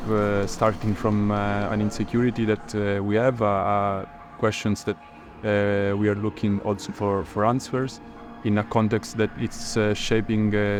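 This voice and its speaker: A Sicilian man, speaking in a documentary interview as a designer, pausing often with filler sounds. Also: on the low side. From Sicily, Italy. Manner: hesitant, many filler sounds. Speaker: designer and workshop co-leader. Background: loud background music.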